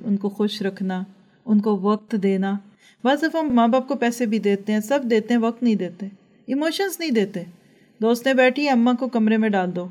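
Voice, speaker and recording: Mellow-voiced woman preaching earnestly. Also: medium pitch. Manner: earnest, exhorting, recites Arabic verses. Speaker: religious teacher. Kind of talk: sermon with storytelling.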